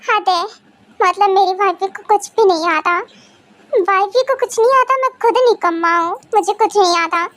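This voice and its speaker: A woman's voice: very high-pitched, normal speed, a bit bright. A woman voicing an exasperated young male surgeon husband, whiny and self-pitying, in a hobby audio drama. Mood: fretful.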